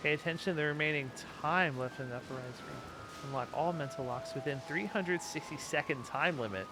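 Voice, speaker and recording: A man's voice: a little high, brisk, over music. A man giving casual, rambling and joking playthrough commentary as he reacts to a video game. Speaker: gaming streamer.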